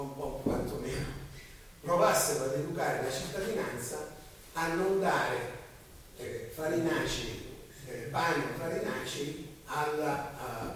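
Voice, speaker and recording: A man hoarse with a cold, speaking haltingly as a committee spokesman explaining things at a public meeting. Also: medium pitch. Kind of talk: semi-improvised public meeting speech. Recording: very echoey room, distant mic, faint hiss.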